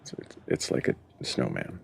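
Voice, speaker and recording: A man hosting a casual live chat show, joking in a mock-serious way. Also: normal speed. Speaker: host.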